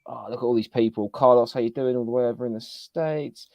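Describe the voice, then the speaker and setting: A man's voice: medium pitch, fairly even intonation, fast talker, gravelly, a little mellow, no echo. A man hosting a live toy podcast stream, upbeat, greeting viewers one by one in casual chat. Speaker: podcast host.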